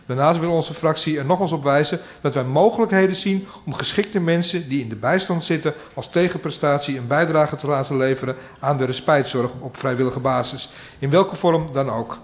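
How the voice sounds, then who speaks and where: A man with a fairly high voice makes his party's case in a council meeting. He reads a set statement in a formal tone. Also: brisk. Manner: reads a prepared party statement, then adds asides. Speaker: council member. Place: council chamber.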